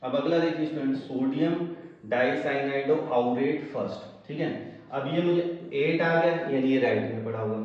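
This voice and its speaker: A man's voice: medium pitch, normal speed. Male teacher, classroom lecture, quizzes students, very echoey, muffled distant sound. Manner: asks the class questions and answers them himself. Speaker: chemistry teacher. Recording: echoey room, distant mic, dull sound.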